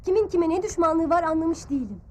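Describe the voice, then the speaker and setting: A woman's voice: very high-pitched, lively intonation, quick pace, a little hiss or hum. An actress playing a chatty local woman puzzled by the news.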